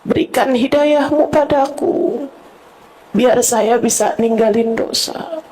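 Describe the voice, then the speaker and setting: A woman preacher with a high, bright voice delivers a sermon to a gathering of women. She talks in a relaxed, everyday way, recites Arabic phrases, and builds into impassioned prayers that she sometimes cries out. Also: takes it slowly. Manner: emotional, pleading prayers, sometimes crying out; casual colloquial speech with Arabic quotations.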